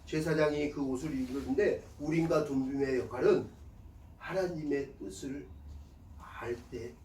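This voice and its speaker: A male pastor preaching a sermon with call-and-response, swelling loud on key lines and dropping soft again. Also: mid-range voice, measured pace, echoey room, distant mic, slight background noise, poor audio. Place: church sanctuary.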